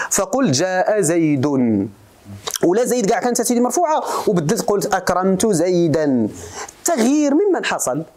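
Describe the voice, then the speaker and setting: Moroccan sheikh teaching a class, talks fast, keeps asking the room questions and repeating stuff. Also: male voice, high-pitched, darkish tone. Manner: keeps quizzing his students and repeating the point. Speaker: religious scholar teaching grammar. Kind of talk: classroom lecture.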